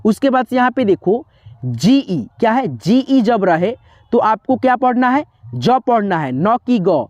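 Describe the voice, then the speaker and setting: Woman teacher, fairly high voice, dry close sound, deliberate spell-it-out delivery. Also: sing-song, darkish tone, no echo, muffled recording. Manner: slow and repetitive, spells words out letter by letter, quizzes listeners. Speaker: English teacher. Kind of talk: classroom-style spelling lesson.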